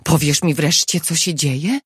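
A woman reading an audiobook who voices a frightened, quick-tempered young wife in a raised, pleading voice. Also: deep voice, husky, no room sound, clean studio sound, full character voice. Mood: anxious, urgent.

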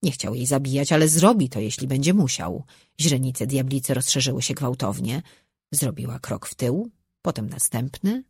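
Audiobook narrator, fantasy reading, husky mid-pitched voice, dry close recording. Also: lively intonation, moderate pace, darkish tone, no echo.

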